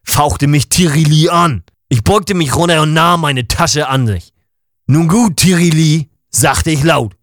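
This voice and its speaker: A man's voice: on the high side, a little slow, a bit bright, no echo, clean studio sound. A man narrating a first-person audio story in a casual, colloquial and ironic way.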